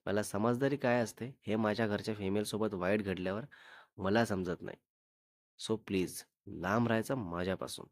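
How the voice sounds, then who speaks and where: A man's voice: on the low side, moderate pace, no room sound, clean studio sound, natural voice. A man reading a stern, protective young husband. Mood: threatening. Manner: firm, lecturing, threatening.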